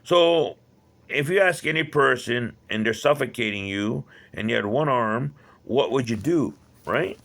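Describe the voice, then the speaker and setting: Gravelly man, rambling and agitated. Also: mid-range voice, animated, unhurried, fairly bright tone. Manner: agitated, rambling, with many restarts and "right?". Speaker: vlogger. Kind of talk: rambling personal story monologue.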